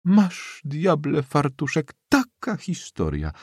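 A man reading a storybook and voicing a hearty, bossy old woman landlady who talks loudly and effusively. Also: medium pitch, animated, measured pace, gravelly, no room sound, clean studio sound, pitched above the performer's own voice. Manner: loud, effusive, exclaiming.

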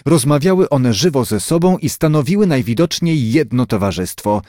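A man narrating a children's story chapter as an audiobook, in an expressive, lively way. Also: mid-range voice, normal speed, no room sound, clean studio sound.

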